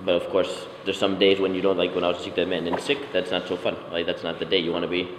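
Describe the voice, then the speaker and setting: A young man, a circus performer, talking casually in an interview, relaxed and swearing offhandedly. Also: deep voice, fast. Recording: echoey hall, background noise.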